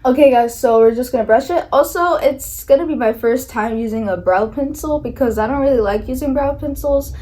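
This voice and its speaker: A young woman vlogger narrates her makeup tutorial in a loose, chatty way. Her voice sits a little high, and she sounds nervous, leaning on likes and ums. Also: fairly quick, few pauses, dark tone, poor audio. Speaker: beauty vlogger. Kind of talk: casual makeup tutorial chat.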